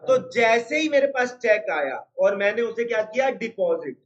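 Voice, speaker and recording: A man's voice: high voice, very animated, moderate pace. A man teaching a live accounts class online, repeatedly calling on students to listen, teasing and scolding them as he goes. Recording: slightly dull lo-fi sound.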